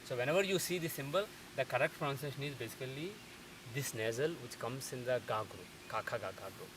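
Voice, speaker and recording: A man teaching a lesson, explaining carefully and slowing down to sound out example words. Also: medium pitch, background noise.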